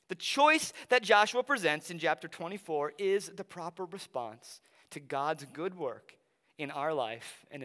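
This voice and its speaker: A pastor preaches in a high, ringing voice that sounds crisp and clear. He talks conversationally, then slows right down to lean on key phrases. His words trail into the long reverb of a large hall. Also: sharp tone. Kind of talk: sermon with Bible reading and personal story.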